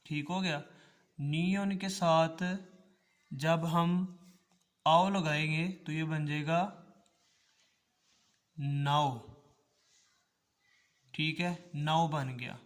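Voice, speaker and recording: Slow, patient male language teacher. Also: on the high side, steady tone. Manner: patient, repeats each syllable twice. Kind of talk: slow step-by-step language lesson.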